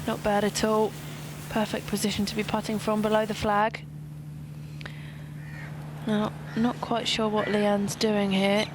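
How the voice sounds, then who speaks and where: Female golf commentator, understated and level in pitch, live broadcast with clear outdoor noise. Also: monotone, unhurried. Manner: understated golf commentator delivery, brief remarks.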